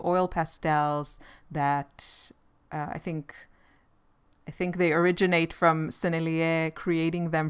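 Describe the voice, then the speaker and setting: Israeli woman artist host, unhurried easy chat while painting, clear smooth voice, slightly low. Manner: relaxed, rambling, with light laughs.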